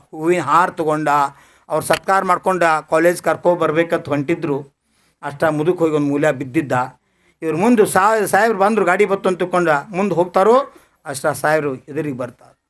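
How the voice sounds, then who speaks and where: High-voiced preacher telling a story. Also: male voice. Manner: dramatic, swings between hushed and loud. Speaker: monk preacher. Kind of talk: storytelling sermon.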